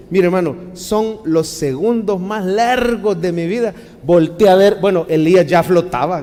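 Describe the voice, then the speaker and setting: A man preaches a sermon in a high voice. He moves between hushed and forceful passages. A long reverb from the large hall trails behind his words. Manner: impassioned, swinging between hushed and loud. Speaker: pastor.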